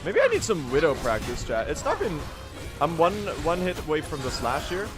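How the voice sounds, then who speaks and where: A man's voice: on the high side, huge pitch swings, normal speed, music in the background. A man from Sweden, a native Swedish speaker, chatting casually with his viewers while he plays, rambling and correcting himself as he goes. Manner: rambling, self-correcting, chatty, mild swearing. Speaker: speedrunning streamer. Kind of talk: casual livestream chat while playing.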